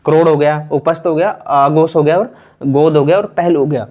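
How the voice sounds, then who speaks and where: A man's voice: fairly high pitch, steady tone, normal speed, darkish tone. A man teaching a grammar lesson for exam preparation, casual and repetitive, keeps asking and answering his own questions. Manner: repetitive, quizzing himself aloud; casual, addresses students as bhai.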